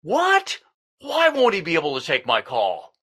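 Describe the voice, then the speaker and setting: A flustered salesman, lively and stammering. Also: a little high, slow pace, full character voice. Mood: flustered, exasperated. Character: flustered, exasperated male salesman on the phone. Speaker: equipment salesman. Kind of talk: comedic short film acting.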